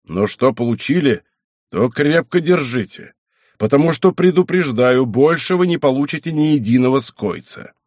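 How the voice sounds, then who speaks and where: A man reading an audiobook, voicing a hot-tempered, domineering old abbot who blusters and shouts. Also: medium pitch, animated, no echo, clean studio sound, natural voice. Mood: stern. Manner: blustering, shouting, quick to anger.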